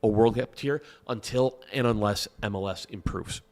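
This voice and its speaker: A man analyzing soccer on a panel, making his argument in a measured, firm way. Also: fairly low pitch, darkish tone. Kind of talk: casual panel discussion.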